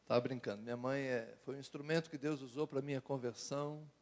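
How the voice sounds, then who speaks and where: Giving a sermon to young people, a middle-aged man with a Brazilian Portuguese accent keeps things conversational, with jokes and repeated phrases. His mid-range voice is a little mellow and a little fast, with fairly even intonation.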